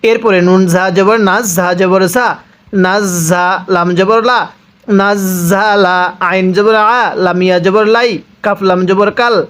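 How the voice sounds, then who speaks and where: A man's voice: sits high, steady tone, measured pace, fairly bright tone, clean tone. A man from Bangladesh, a Quran teacher, spells out each letter and vowel mark one by one and asks and answers his own questions.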